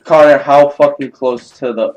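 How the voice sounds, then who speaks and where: A young man chatting excitably with friends while gaming, swearing often and quick to laugh. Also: mid-range voice, highs cut off. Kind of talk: casual gaming chat with friends.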